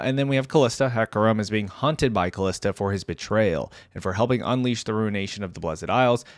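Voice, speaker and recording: A man with a medium-pitched voice hosts a reaction video, reading things aloud and then commenting in a casual, chatty way. There is no echo on the recording.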